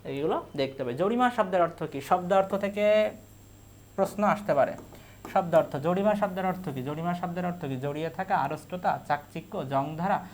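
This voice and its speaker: A man's voice: high-pitched, normal speed, slight background noise. A man, a teacher giving an exam review lesson, who reads each question aloud and repeats the answer. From Bangladesh.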